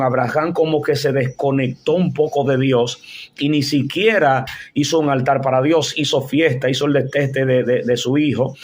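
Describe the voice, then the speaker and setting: A man giving a Bible study lecture, explaining passages in a direct, conversational way and often restarting his sentences. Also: mid-range voice. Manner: explanatory, addresses the listener directly, frequent restarts. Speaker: Bible teacher.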